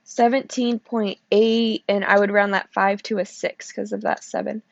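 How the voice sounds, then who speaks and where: A woman's voice: mid-range voice, level tone, normal speed, gravelly, no echo, dull audio. A woman teacher walking through probability problems step by step, sleepy and checking in with "okay?" as she goes. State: sleepy, yawning. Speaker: math teacher. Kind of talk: recorded classroom lesson walkthrough.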